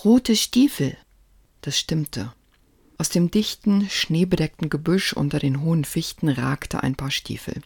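A narrator reading a story aloud in a calm, even storytelling manner. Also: medium pitch, unhurried, creaky, slightly rough, no echo, clean studio sound.

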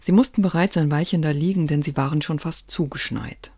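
A narrator reading a story aloud in a calm, even storytelling manner. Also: medium pitch, fairly quick, no echo, clean studio sound.

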